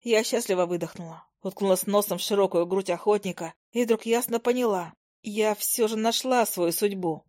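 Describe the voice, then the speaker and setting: Female audiobook narrator, mid pitch, lively first-person storytelling, dry close mic. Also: moderate pace, hardly any pauses, no room sound.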